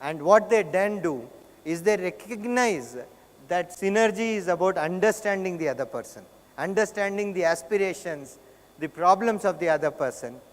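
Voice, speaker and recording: A man with a South Indian accent giving a motivational business talk, conversational, telling stories and putting questions to his listeners. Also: sits high. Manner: conversational, puts rhetorical questions to listeners and checks in with them. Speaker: conference speaker. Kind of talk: motivational business presentation with storytelling. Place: large conference hall. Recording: echoey hall with long reverb.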